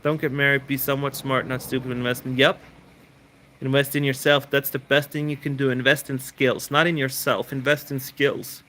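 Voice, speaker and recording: Raised in Switzerland, this man chats casually on a live Q&A stream, reading viewer questions aloud and answering them while he rambles, restarts sentences and repeats words. His voice is bright and forward at an ordinary middle pitch, level in tone and at normal speed, with a slight hiss or hum in the background.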